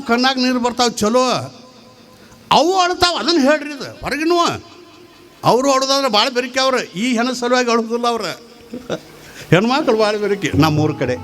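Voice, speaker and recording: A man with a North Karnataka Kannada accent giving a humorous spiritual discourse, telling stories and firing rhetorical questions. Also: extremely high pitch. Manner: animated storytelling with rhetorical questions. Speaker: spiritual teacher.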